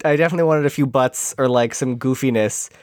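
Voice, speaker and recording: A man co-hosting a podcast, chatting casually about a movie with quick, offhand asides. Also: medium pitch, dry recording, studio quality. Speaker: podcast co-host. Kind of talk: casual movie-review chat.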